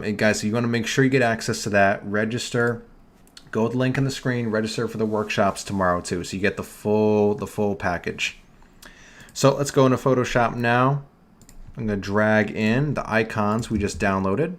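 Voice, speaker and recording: A young man with a New York accent hosts a casual live screen-share tutorial on building an online store, his lowish voice moving at a moderate pace with frequent pauses. Chatty and self-correcting, he talks to viewers in the chat as he works.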